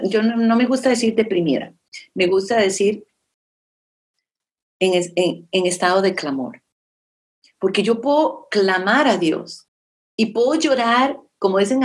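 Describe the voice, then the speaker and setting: A middle-aged woman from Costa Rica giving an inspirational, faith-based talk, addressing her listeners directly and acting out other people's voices. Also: mid-range voice. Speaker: motivational speaker.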